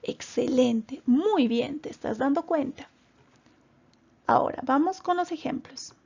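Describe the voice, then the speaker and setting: A woman teaching a grammar lesson to children, explaining slowly and deliberately and addressing them directly. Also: high-pitched, vocal fry, darkish tone, lo-fi sound. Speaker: primary school teacher.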